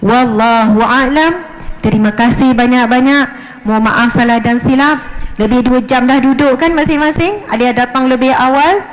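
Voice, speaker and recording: A middle-aged Malaysian woman with a Malay accent, giving a lively mosque lecture to women and acting out little scenes as she preaches. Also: high voice, normal speed, poor audio. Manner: lively, acts out little scenes in her speech. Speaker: religious teacher. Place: mosque prayer hall.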